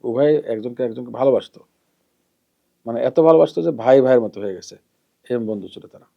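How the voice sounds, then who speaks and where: A man giving a measured hadith lesson as an Islamic preacher, repeating key terms and letting his phrases trail off softly. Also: mid-range voice, creaky. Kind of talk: hadith lesson, explaining and admonishing. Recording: dull lo-fi recording.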